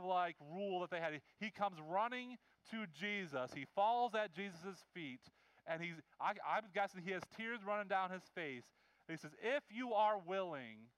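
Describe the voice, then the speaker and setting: A man's voice: high-pitched, a bit bright, clear, resonant tone, dry recording, rough recording. A man preaching a sermon in an earnest, conversational way, often restarting his phrases. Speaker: pastor.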